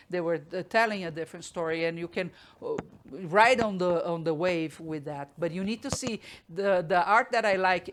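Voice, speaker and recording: A woman's voice: lowish voice, slight background noise. Woman giving a live online art talk. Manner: thoughtful, frequent restarts and fillers. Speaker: art course host.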